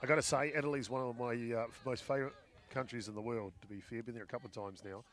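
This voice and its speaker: A man giving live play-by-play commentary at a softball game, chatting with his co-commentator between plays and getting loud on big hits. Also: mid-range voice, steady tone, quick pace. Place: outdoor ballpark.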